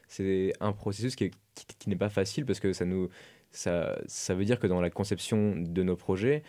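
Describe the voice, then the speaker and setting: A man's voice: low-pitched, normal speed, dark tone. A young man, an architecture student, explaining on a radio show with many hesitations. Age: young adult. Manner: hesitant, many fillers and restarts. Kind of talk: radio interview.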